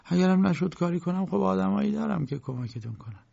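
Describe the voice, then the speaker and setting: A man voicing a frail, bedridden old lawyer who speaks slowly and weakly in an audiobook, on a dull lo-fi recording. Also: sits high, lively intonation, creaky, pitched above the performer's own voice, exaggerated voice. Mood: weary. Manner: slow, weak, soft-spoken. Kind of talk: audiobook character voice.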